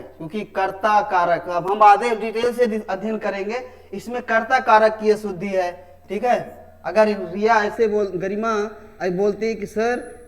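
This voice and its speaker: A male teacher delivers a classroom grammar lesson in a high voice. He speaks slowly and deliberately, repeating each key phrase for his students.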